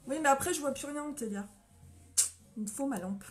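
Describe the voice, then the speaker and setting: Woman from France, high voice, runs a chatty live makeup tutorial, greets viewers by name, a little winded. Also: moderate pace. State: coughing after a run.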